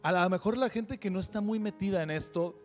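Fervent man hosting, bright pitch. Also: a little fast, faint music behind. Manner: fervent, preachy, addresses viewers directly. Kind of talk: earnest spoken commentary.

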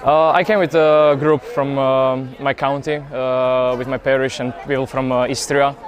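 A young man from Croatia, answering interview questions at an outdoor festival in an earnest, hesitant way, with many pauses and fillers. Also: medium pitch, little pitch movement. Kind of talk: casual street interview. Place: outdoor youth festival grounds.

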